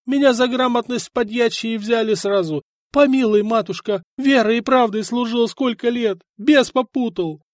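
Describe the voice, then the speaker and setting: A man's voice: very high voice, moderate pace, no room sound, studio quality, voice pushed up. A man voicing a terrified male clerk who wails and begs for mercy under torture, in a storybook reading. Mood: pleading. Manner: wailing, pleading loudly.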